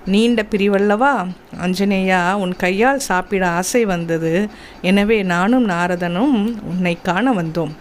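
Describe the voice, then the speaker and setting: Woman reader voicing a gentle affectionate male god, slow warm-hearted delivery. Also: medium pitch, slight background noise, close to an everyday voice.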